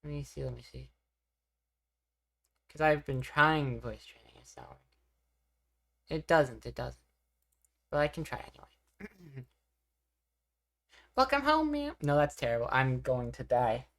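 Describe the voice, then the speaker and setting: A woman's voice: rumbling low, steady tone, measured pace, long pauses. A young woman streaming live, chatting casually with her chat, rambling and poking fun at herself. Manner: rambling, self-deprecating, reacting to chat.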